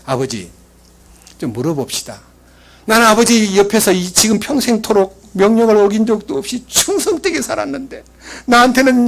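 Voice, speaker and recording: A man's voice: on the high side, a little mellow, husky, voice pushed down. A man playing a resentful elder son who complains with indignant questions, as a sermon retelling.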